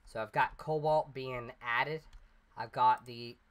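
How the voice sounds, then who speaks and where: Slow and steady in tone, this mid-range male voice belongs to a let's play host chatting casually through his game. He rambles, walks through things one step at a time with fillers, and his slight congestion shows he's getting over an illness.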